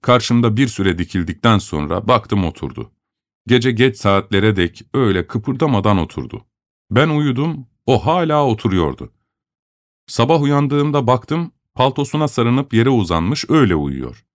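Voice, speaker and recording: Man, first-person story narration, expressive, measured, close dry sound. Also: mid-range voice, no room sound.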